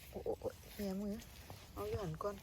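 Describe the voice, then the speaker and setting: A woman's voice: fairly quick, rough recording. Chatty Isan-accented woman foraging outdoors. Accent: Isan (Northeastern Thai). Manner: lively, exclaims often, calls viewers "brothers and sisters". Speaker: vlogger foraging for wild mushrooms. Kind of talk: chatty walk-and-talk narration to viewers. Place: outdoors in woodland. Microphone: handheld camera. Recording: outdoor recording with clear background noise.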